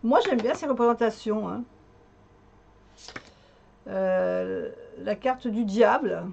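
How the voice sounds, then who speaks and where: A woman's voice: mid-range voice, slow pace, vocal fry, a little mellow, slight background noise. Chatty woman with a dull lo-fi sound. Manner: chatty, hesitant, many fillers and restarts. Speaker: vlogger. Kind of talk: casual chat.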